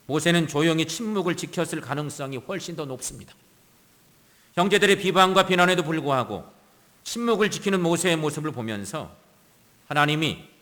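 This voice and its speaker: A man, a pastor, preaching a Sunday sermon in a church, swinging between loud emphasis and soft asides. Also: medium pitch, long reverb tail. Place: church sanctuary.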